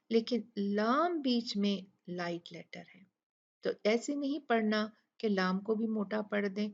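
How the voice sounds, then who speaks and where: A woman teaching a recitation lesson, asking questions and answering them herself, and slowly sounding out example words. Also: medium pitch, a little mellow. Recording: dull lo-fi recording.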